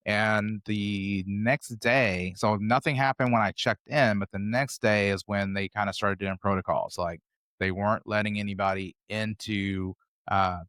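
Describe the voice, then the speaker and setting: Low-voiced American man telling travel stories. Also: a bit bright, dry recording, clean studio sound. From United States. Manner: rambling, conversational, loosely strung anecdotes. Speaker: podcast guest. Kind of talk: casual interview storytelling.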